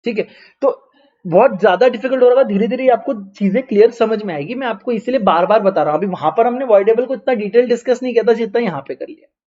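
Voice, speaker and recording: Speaking quickly in a high, mellow voice, an Indian-accented male teacher runs an online lecture, and the recording sounds muffled. He raises questions only to answer them, returns again and again to key terms, and slips English words into his Hindi.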